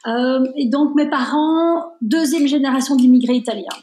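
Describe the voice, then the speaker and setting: A woman's voice: sits high, moderate pace, dark tone, reverberant. A woman in her fifties, born in Belgium, speaking as a guest in a conversational interview, reflective and emphatic, with many fillers. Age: 50s.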